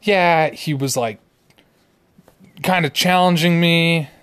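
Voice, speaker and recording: A man's voice: a little high, slow pace, fairly bright tone, clean tone, pitched above the performer's own voice. A man quoting an apologetic teen girlfriend.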